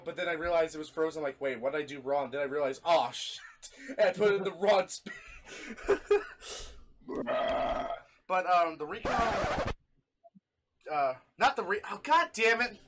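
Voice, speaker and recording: A young man who hosts videos and collects hobby radios does a casual review with friends on a call. His higher-pitched voice is a bit bright, and he's giggly, easily breaking into laughter.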